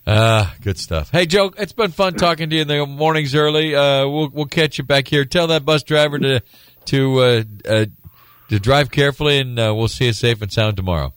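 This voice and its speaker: A man's voice: medium pitch, normal speed, fairly bright tone, clean tone, dry recording, studio quality. A male radio sports host bantering casually and cheerfully with a colleague.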